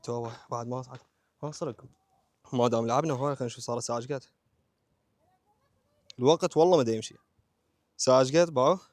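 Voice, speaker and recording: A man's voice: mid-range voice, very fast, long pauses, a little mellow. A man with an Iraqi Arabic accent narrating a casual vlog, talking informally to viewers and companions in short phrases. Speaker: vlogger.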